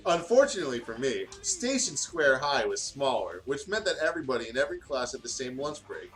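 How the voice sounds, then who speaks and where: A gaming channel host with a mid-range, fairly bright voice reads fan fiction aloud in a brisk, sing-song, jokey way, chatting casually, swearing, and breaking off to riff. Music plays behind his voice, and the recording is rough.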